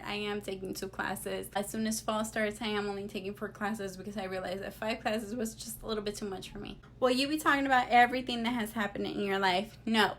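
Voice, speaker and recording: A woman's voice: mid-range voice, slight background noise. A woman in her twenties chatting casually as she answers viewer questions, blunt, sassy and slangy with no filter. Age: 20s. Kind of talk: casual confessional Q&A chat.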